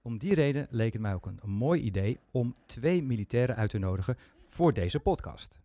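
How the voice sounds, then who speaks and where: A man's voice: mid-range voice, expressive, normal speed, warm tone, no echo. A man hosting a podcast, talking chattily with self-mocking humor into a microphone. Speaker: podcast host. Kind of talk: casual podcast talk.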